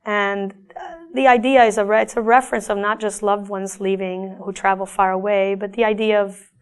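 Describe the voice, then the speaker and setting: A middle-aged woman artist from Argentina, talking about her own paintings in a thoughtful, halting way with frequent restarts. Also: mid-range voice, flat delivery, clear, resonant tone.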